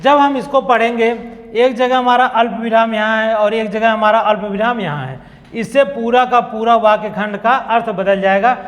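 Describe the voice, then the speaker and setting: A man teaching an exam-prep grammar lesson. He repeats key points, often checks in with his listeners, and reads examples slowly, word by word. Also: high voice, big-room sound.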